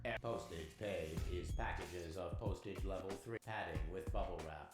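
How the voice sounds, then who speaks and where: An actor voicing a malfunctioning male mailbot robot that keeps glitching, stuck repeating words and errors in slow mechanical announcements. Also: low voice, echoey room. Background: game music.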